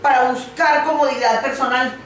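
An older woman preaching a sermon in short phrases, pausing for an interpreter, in a living room. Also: sits high, steady tone, a bit bright, a little hiss or hum. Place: living room set with framed pictures. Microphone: far camera. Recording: echoey room from far off, faint music.

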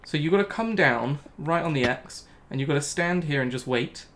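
A man's voice: on the high side, animated, moderate pace, a bit bright. A young man talking through his gameplay live, thinking aloud and repeating himself when things go wrong. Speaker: gaming channel host.

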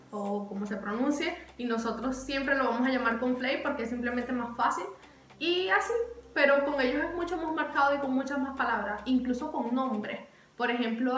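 The clip features a high-pitched, slightly bright female voice: a young vlogger explaining things casually and animatedly. She leans on repeated words for emphasis, and there's echo from the room.

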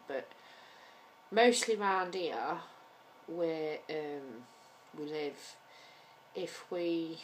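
A woman's voice: low voice, a little hiss or hum. A woman from England with an East Midlands accent, chatting casually and hesitantly into a home camera mic, with frequent ums. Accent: East Midlands English. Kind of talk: casual accent-tag video.

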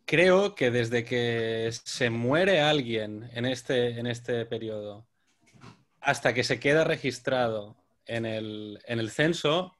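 Mid-pitched man with stammering starts. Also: slow, fairly bright tone. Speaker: seminar participant asking questions. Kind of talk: academic discussion. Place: online video call.

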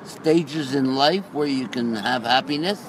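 An older man sitting in a car, answering a street interview slowly and thoughtfully, repeating himself as he goes. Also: mid-range voice. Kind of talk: street vox pop answer. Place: seated in a car, street outside. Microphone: handheld phone held to car window. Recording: street traffic noise.

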